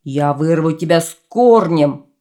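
A woman voicing an angry male dragon, lord of the forest, who threatens in a slow, booming voice. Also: a little mellow. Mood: furious.

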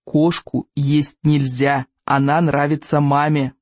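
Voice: medium pitch, flat delivery, slow pace, darkish tone, no room sound. A narrator voicing an anxious young Viking boy who grumbles through his teeth, in an audiobook reading. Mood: grumbling. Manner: grumbling, strained.

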